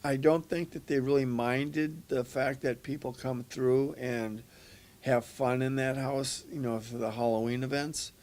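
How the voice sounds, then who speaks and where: Man calmly explaining ghost hunting. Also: mid-range voice, measured pace. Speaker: paranormal investigator. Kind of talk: interview answers.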